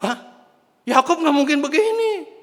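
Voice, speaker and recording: A man doing a shrill, disbelieving brother. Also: level tone, brisk, a bit bright, big-room sound. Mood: incredulous. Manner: incredulous, demanding. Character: suspicious younger brother, middle-aged man.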